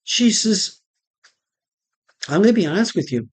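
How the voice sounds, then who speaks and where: A woman vlogger telling her personal story to camera, halting, with restarts, and retelling conversations line by line. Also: medium pitch, very animated, slightly rough, no echo. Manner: retells conversations with "she goes" and "I'm like".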